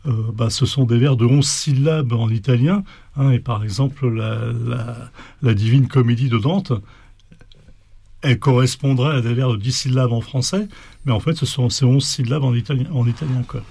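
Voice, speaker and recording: Guy rambling on with lots of uh and hein, mellow darkish voice, dry sound. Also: medium pitch, moderate pace, creaky, husky, no room sound. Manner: rambling, many fillers and restarts; recites a poem in Esperanto in a rising, sing-song lilt. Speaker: guest explaining medieval poetry. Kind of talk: casual chat.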